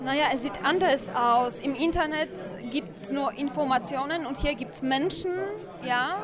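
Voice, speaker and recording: High-voiced young Polish woman. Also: unhurried. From Poland. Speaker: exchange student. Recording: crowd noise behind.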